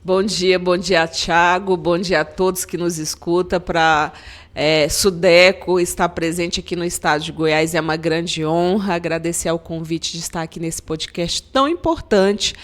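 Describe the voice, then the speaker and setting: A woman's voice: fairly low pitch, steady tone, normal speed. Middle-aged woman from Maranhão, Brazil; earnest interview guest, storytelling manner. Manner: earnest, storytelling, frequent "né?" tags. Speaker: guest, government agency head. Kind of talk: podcast interview.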